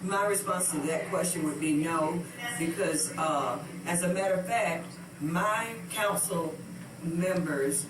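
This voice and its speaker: Male mayor, measured interview answers, high voice, noisy distant recording. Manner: measured, explanatory, with fillers. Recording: echoey room from far off, noisy.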